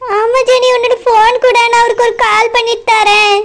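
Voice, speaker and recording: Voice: extremely high pitch, level tone, normal speed, a bit bright. A voice actor playing a tearful, lovesick young woman in a cartoon, pleading and weepy. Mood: worried. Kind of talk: cartoon voice acting.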